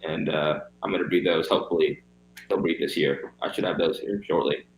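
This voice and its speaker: A man's voice: extremely low pitch, fairly even intonation, a little fast, vocal fry, a little hiss or hum. A man of thirty with missing front teeth, chatting casually as an interview guest. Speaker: guest, professional BMX stunt rider and reptile keeper. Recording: roomy echo.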